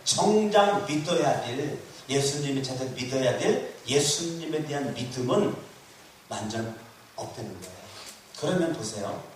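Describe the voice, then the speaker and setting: A man's voice: medium pitch, slight background noise. Preaching man in an echoey hall. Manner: call-and-response preaching, rhetorical questions, emphatic repetition. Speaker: pastor. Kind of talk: sermon. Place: church hall. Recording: echoey hall recorded from a distance.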